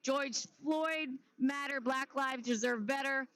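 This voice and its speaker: A woman's voice: high voice, a bit bright, dry recording, poor audio. A woman reporting live from a street march, talking casually with fillers and a little out of breath. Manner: conversational, halting with fillers. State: slightly out of breath. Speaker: field reporter. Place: outdoors on a city street during a march.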